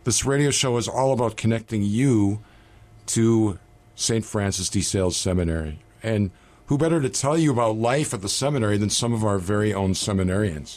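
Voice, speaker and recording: A man hosting a radio talk show as rector of a seminary, speaking in a measured, earnest way. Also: fairly low pitch, a little mellow.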